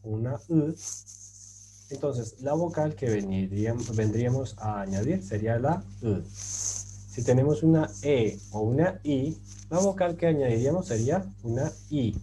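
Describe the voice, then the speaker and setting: Male language teacher, warm mellow voice, patient, filler-heavy explanations, faint hiss behind. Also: medium pitch, animated, measured pace, rough recording. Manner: patient, rhetorical questions, many fillers. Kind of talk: explaining grammar at a whiteboard. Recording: faint background noise.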